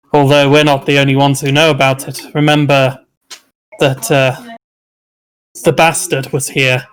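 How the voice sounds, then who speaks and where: A man's voice: medium pitch, a bit bright, a little hiss or hum, poor audio. A man playing a tabletop game, speaking in character in a scholarly, musing way. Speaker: player.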